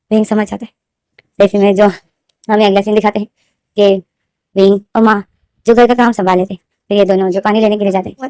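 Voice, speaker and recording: Fast-talking woman retelling a story. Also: mellow, dry recording. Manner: repetitive, fillers, rises in pitch for quoted lines. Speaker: fanfiction storyteller. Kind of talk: retelling a story in her own words.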